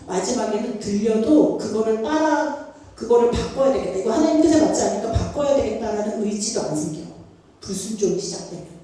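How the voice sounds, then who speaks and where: A woman's voice: on the high side, mellow. A woman giving a youth sermon, conversational, asking her listeners questions and mixing casual and polite speech. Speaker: youth pastor. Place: church sanctuary. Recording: echoey church hall from far off.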